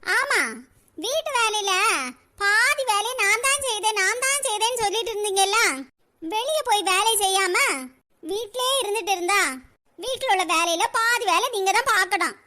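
A woman voicing a sharp-tongued young wife in a cartoon, with a Kanyakumari Tamil accent and a quarrelsome, scolding manner. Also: very high-pitched, normal speed.

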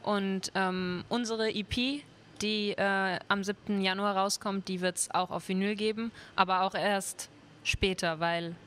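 A woman's voice: mid-range voice, steady tone, measured pace, a bit bright, clear, resonant tone. A young woman from Berlin, a singer, chatting casually in an interview into a handheld mic at a music club. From Berlin, Germany. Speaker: singer, guest.

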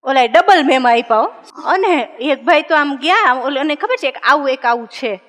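A woman performing comic stories on stage before a live audience, animated, laughing and acting out other people's lines. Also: high voice, normal speed, some chatter behind, slight background noise. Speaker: comedian. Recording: long hall reverb.

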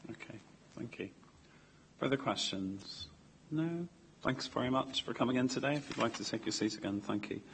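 A man's voice: medium pitch, normal speed, a bit bright. A man formally chairing a public meeting, handing over to speakers in short procedural phrases. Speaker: committee chair. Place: council meeting chamber, indoors. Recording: noisy meeting room pickup.

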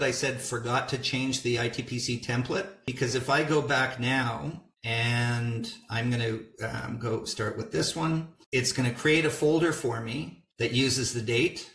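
A middle-aged man giving a casual walkthrough of photo software, talking through each step as he clicks. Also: medium pitch. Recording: roomy echo.

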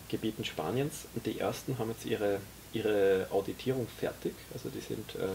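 A man in his forties, a guest and author, explaining his ideas in a relaxed conversation with many hesitations, recorded in a small café. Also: lowish voice, gravelly, a little hiss or hum. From Austria. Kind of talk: casual conversation. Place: tea room in a small café.

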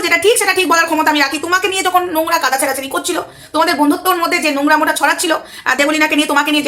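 A woman's voice: high voice, pushed and bright. A woman vlogger giving an indignant, repetitive, lecturing commentary to her viewers. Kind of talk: emotional commentary vlog.

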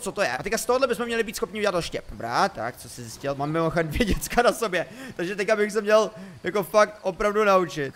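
Young guy doing lets play commentary, kinda high voice, jokey and excitable, yells sometimes. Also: a little hiss or hum. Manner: excitable, joking, sudden loud exclamations. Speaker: gaming youtuber.

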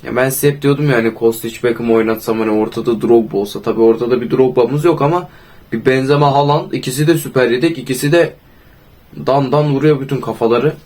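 A hoarse young man with a cold, commenting casually on his own football video game match and calling out player names excitedly. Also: medium pitch, fast. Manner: excited, shouts player names, sometimes sings. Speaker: gaming YouTuber.

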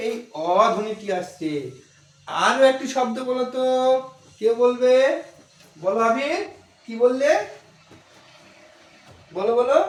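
A woman teacher gives a demo class, coaxing pupils with questions and slowly repeating their answers. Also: on the high side. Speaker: primary school teacher. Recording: echoey room, mic at a distance.

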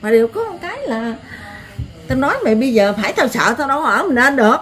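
A woman's voice: on the high side, quick pace. Blunt older Southern Vietnamese woman. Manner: blunt, earthy, animated storyteller. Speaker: interviewee. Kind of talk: rural storytelling.

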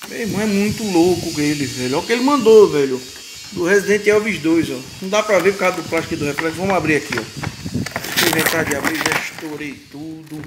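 A Brazilian man with a Brazilian Portuguese accent and a fairly high voice talks through an unedited unboxing vlog, exclaiming loudly and then dropping to low mutters as he works the box open. He is moved almost to tears. The home recording is noisy, with clicks and handling sounds. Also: fast. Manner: excitable, chatty, exclaims often, drops to mutters while fiddling with the box. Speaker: YouTube vlogger unboxing a fan's gift. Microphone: handheld phone or camera, shaky.

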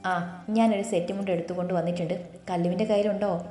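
A woman voicing a friendly, brisk elder sister-in-law. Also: on the low side, fairly even intonation, warm tone, roomy sound, faint music behind, lightly acted.

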